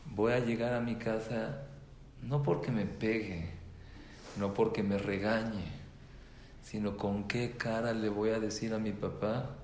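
A man's voice: on the low side, fairly even intonation, a little slow, a little mellow, slight background noise. A man telling a story to an audience of mothers, repeating words for emphasis and acting out the characters' voices. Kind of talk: storytelling talk. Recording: echoey room, faint ambience.

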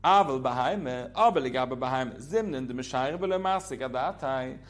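A man's voice: medium pitch, lively intonation, normal speed. A man giving a religious law lesson in a sing-song, swooping teaching cadence.

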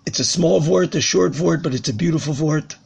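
A man with a hoarse, worn-out voice giving a short religious teaching, emphatic and repeating phrases, mixing Hebrew terms into English. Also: a little high, brisk, a little mellow. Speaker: rabbi, podcast host.

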